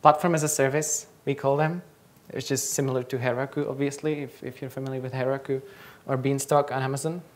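Talking fairly quickly with few pauses and little pitch movement, a young man with a mid-range voice gives a conference talk on stage in a large lecture hall. He is a native Czech speaker from the Czech Republic and quizzes the audience along the way.

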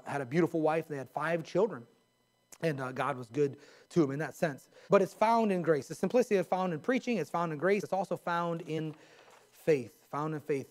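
A man in his forties, a pastor preaching from a pulpit in a church sanctuary, animated and gesturing. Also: a little high. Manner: animated, gesturing at a pulpit, mimics others in a raised voice. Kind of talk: sermon. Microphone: pulpit mic.

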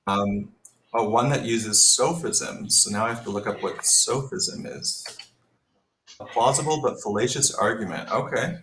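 Male game commentator, low-pitched, analytical, thinks aloud, roomy echoey sound. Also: measured pace, fairly bright tone, slight background noise. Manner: analytical, thinks aloud while reading the board. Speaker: Scrabble commentator.

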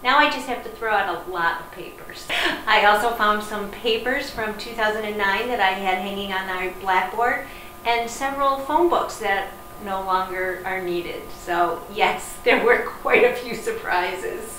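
A woman's voice: mid-range voice, a little slow, fairly bright tone. A middle-aged woman giving a casual on-camera testimonial as a client. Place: small office indoors. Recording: echoey room, faint noise.

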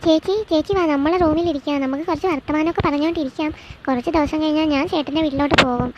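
A woman's voice: high voice, steady tone, racing, close to an everyday voice. A woman voicing a friendly, chatty young sister-in-law in a cartoon, talking in an eager way. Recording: dull lo-fi with faint hiss.

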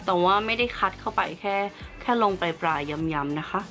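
A woman's voice: mid-range voice, expressive, a little fast, fairly bright tone, faint music behind. A woman beauty vlogger giving a chatty, upbeat makeup review and explaining each step as she works. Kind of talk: casual makeup tutorial and product review.

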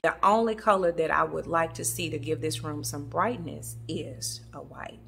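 A woman's voice: sits low, moderate pace, vocal fry, fairly bright tone, a little hiss or hum. A woman chatting to camera from her home about interior design, emphatic and chatty, laughing often and calling her viewers y'all. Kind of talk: casual chat to camera. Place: at home in a family room. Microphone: camera in the room.

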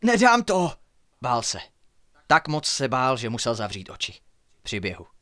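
Man, author reading a bedtime horror story, hushed and suspenseful, mid-pitched voice. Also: lively intonation. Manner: hushed, suspenseful, drops to near-whispers.

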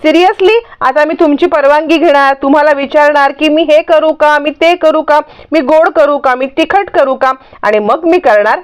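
Lady doing a bossy mom who won't be questioned in her kitchen, high and scolding. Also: moderate pace, few pauses, natural voice. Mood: indignant. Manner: indignant, scolding. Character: sharp-tongued mother in her own kitchen.

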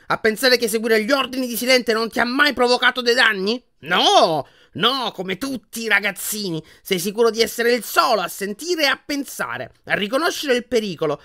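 A man voicing a haughty, sneering old male wizard in a portrait, with a slow mocking drawl, for an audiobook. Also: fairly high pitch, sharp tone, no room sound, clean studio sound, voice pushed up, exaggerated voice. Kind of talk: audiobook character voice.

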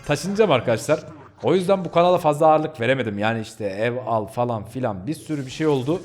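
A man's voice: mid-range voice, expressive, quick pace, darkish tone, soft background music. A man hosting his gaming channel, chatting casually to viewers while he plays and bursting into yelps and laughter. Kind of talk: casual gameplay commentary.

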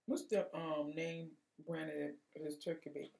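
A woman's voice: low voice, fairly even intonation, unhurried, creaky, darkish tone. A woman co-hosting an eating show, giving short casual replies, often with food in her mouth. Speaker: mukbang co-host. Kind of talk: casual chat while eating. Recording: roomy, mic far off.

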